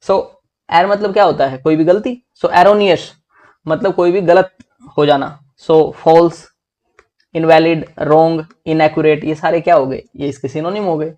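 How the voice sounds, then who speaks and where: Lively man teaching vocabulary. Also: fairly high pitch, slow pace. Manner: lively, chatty, calls listeners "bhai". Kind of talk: exam-prep vocabulary lesson.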